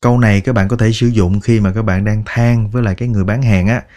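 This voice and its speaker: A man teaching a slow spoken language lesson, patiently repeating example phrases word by word and coaxing his learners along. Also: on the low side, fairly even intonation, darkish tone. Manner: friendly, coaxing address to learners. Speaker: English teacher.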